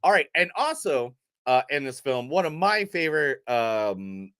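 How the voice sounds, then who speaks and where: A man's voice: mid-range voice, sing-song, measured pace, a bit bright, smooth, no echo, studio quality. A man hosting a podcast, chatting casually and enthusiastically about movies with emphatic delivery. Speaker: podcast host.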